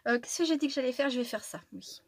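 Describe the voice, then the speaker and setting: A woman chatting casually through a scrapbooking tutorial, excitable and tired, with many fillers and restarts. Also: sits high, quick pace, no room sound, studio quality. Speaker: scrapbooking vlogger. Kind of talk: casual crafting tutorial chat.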